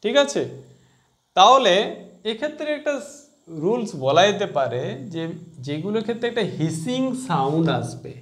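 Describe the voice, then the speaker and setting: A man's voice: sits high, big pitch swings, normal speed, a bit bright. A man teaching a grammar lesson, explaining step by step and quizzing his students.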